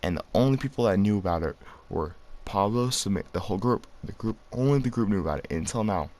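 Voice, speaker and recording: A man's voice: fairly low pitch, animated, fast talker, darkish tone. A man casually telling a personal story to his viewers, slangy and rambling, often chuckling as he goes. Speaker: vlogger.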